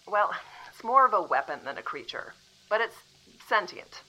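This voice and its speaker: In an audio drama, a woman plays a composed official from the future who is calmly apologetic and matter-of-fact. Her mid-range voice moves at a moderate pace, and the sound is lo-fi.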